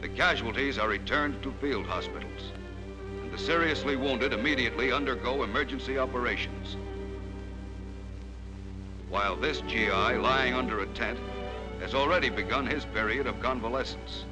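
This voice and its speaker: A man narrating an old newsreel, with the solemn, emphatic delivery of 1940s wartime screen journalism. His voice sits at an ordinary middle pitch and carries a declamatory weight. A loud orchestral score plays beneath him throughout. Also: normal speed, music in the background.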